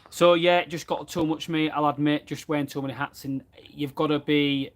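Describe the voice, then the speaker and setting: A man's voice: fairly high pitch, level tone, fairly quick. A man, chatting casually about running his plumbing business in a live question and answer from his van. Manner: chatty and plain-spoken, reads out viewer comments. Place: inside a van.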